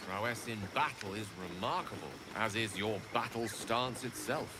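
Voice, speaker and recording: Actor playing a well-spoken wizard, lowish voice, courteous and articulate, loud game ambience behind. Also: male voice, normal speed, background noise, lightly acted. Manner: polite, articulate. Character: courteous scholarly male wizard companion.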